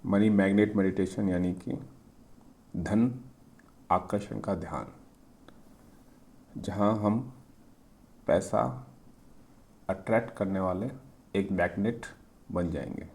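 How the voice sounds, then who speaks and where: This is a deep-voiced man guiding listeners through meditation. His instructions come gently and calmly, in short phrases with pauses between them.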